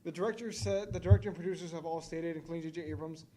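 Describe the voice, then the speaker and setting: Teasing young man with a higher voice. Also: steady tone, rapid-fire, warm tone, slight background noise. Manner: joking, teasing, crude. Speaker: podcast co-host. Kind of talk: casual film chat.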